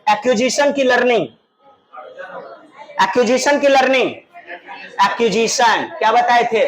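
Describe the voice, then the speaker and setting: A middle-aged male teacher runs an online exam-prep class in a strikingly high voice. He speaks slowly and deliberately. He repeats each term and calls out prompts for the students to answer. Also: poor audio. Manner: drills students, repeating terms and calling out prompts.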